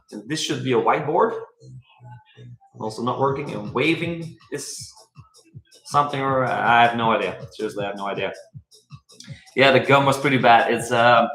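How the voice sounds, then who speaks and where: A man's voice: medium pitch, a bit bright. Man, casual live-stream host, rambling, full of fillers, webcam sound, echoey room, faint music behind. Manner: rambling, chuckling, many fillers. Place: room at home.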